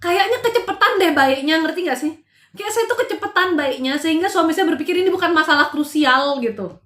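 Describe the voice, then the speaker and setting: High-voiced woman giving blunt live advice. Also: animated, brisk, fairly bright tone. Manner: direct, scolding then chatty, switches to English phrases. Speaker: live-stream counselor answering viewers' chat. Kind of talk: casual live-stream advice chat. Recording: roomy echo.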